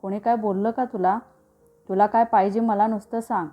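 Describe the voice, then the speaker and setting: A woman's voice: mid-range voice, fairly even intonation, normal speed, mellow, soft background music, natural voice. A woman voicing a middle-aged village landowner father who spoils his daughter, speaking in rural dialect. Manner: rural Marathi dialect speech.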